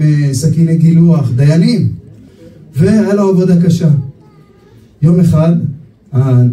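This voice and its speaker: A dark-voiced male rabbi gives a storytelling sermon in an echoey memorial gathering hall, his voice coming from far off with faint background noise. He's animated, mimicking quoted voices with sharp pitch swings.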